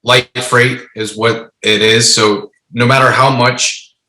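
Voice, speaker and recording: Bright, forceful male voice in an echoey room. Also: medium pitch, little pitch movement, slow. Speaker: food truck co-owner. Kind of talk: casual interview answers.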